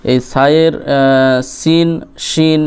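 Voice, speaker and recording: A man teaching recitation, spelling out syllables one by one and repeating each word slowly. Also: on the high side, level tone, a little mellow, clean tone. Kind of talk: letter-by-letter recitation lesson.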